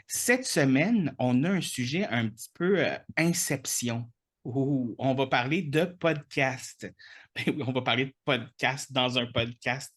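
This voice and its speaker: A man's voice: mid-range voice, a little slow, fairly bright tone. A man with a Québécois accent hosting a casual podcast chat, playful and joking with his guest. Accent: Québécois French. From Quebec. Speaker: podcast host.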